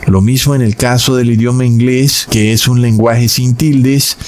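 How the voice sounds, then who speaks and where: A man preaching in a sermon-style Bible lesson, addressing his listeners as brothers and slowing down on key words for emphasis. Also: mid-range voice, steady tone, a little mellow.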